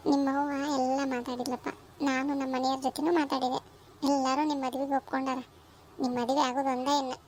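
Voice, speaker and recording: A woman voicing a warm, chatty village mother with a North Karnataka accent, scolding and affectionate by turns, in a cartoon. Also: high voice, little pitch movement, fast talker, slight background noise, lightly acted. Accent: North Karnataka Kannada. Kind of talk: cartoon voice acting.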